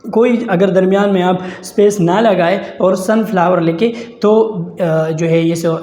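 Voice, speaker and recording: A man giving an explanatory English lesson, talking haltingly and often pausing on filler sounds to repeat himself. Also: high-pitched, darkish tone. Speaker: English language teacher. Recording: echoey room.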